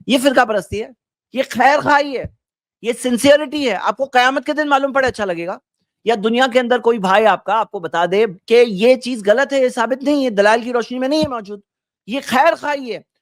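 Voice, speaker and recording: Preacher, male, high-pitched, dry close sound, lectures through rhetorical questions. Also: no echo. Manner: explains with rhetorical questions, quotes Arabic then translates. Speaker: Islamic preacher. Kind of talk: religious talk.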